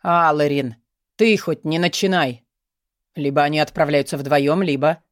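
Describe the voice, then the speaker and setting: A woman's voice: deep voice, measured pace, dry recording, studio quality, pitched below the performer's own voice. A woman voicing a stern male rector. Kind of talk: audiobook character voice.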